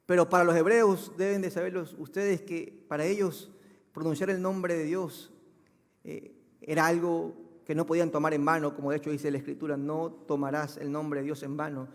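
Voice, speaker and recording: A man's voice: a little high, little pitch movement, moderate pace. Casting: male pastor, emphatic sermon, reverberant church hall. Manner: emphatic preaching, rising to loud proclamations.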